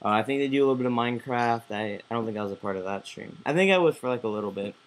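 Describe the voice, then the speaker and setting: A man's voice: mid-range voice, rapid-fire, a little hiss or hum. A man hosting a casual live-stream chat, rambling with many fillers and restarts. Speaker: host.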